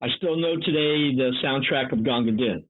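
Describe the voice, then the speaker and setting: A man in his seventies from North Jersey, a guest in an interview, telling stories in an energetic, chatty way. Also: mid-range voice, moderate pace. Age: 70s. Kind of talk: interview conversation. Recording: tinny phone-like line.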